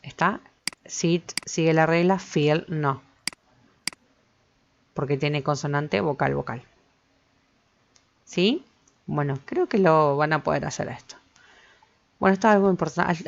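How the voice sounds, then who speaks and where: A woman's voice: deep voice, a little slow, pauses often. A woman teaching English grammar to Spanish-speaking students, patiently going through each step and often checking "¿sí?". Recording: dull lo-fi with faint noise.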